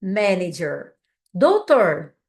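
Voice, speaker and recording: A native Portuguese-speaking woman teaching English vocabulary, drilling each word slowly for learners to repeat and checking in with them often. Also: fairly low pitch, very animated, a little mellow. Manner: slow, patient drilling of words for learners to repeat; casual and encouraging, with frequent check-ins.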